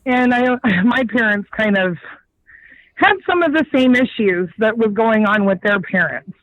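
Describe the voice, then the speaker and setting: Female podcast guest, high voice, dull lo-fi recording, conversational, thinks aloud. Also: lively intonation, unhurried. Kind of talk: casual film discussion. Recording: dull lo-fi sound.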